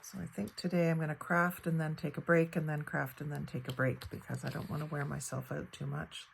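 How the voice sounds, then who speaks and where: A woman with a cold-roughened voice, low, gravelly, a little crackly and hoarse, gives a flat delivery while narrating a casual paper craft tutorial for her channel. She thinks aloud as she cuts and glues, chatty and unhurried, over a faint hum of room ambience.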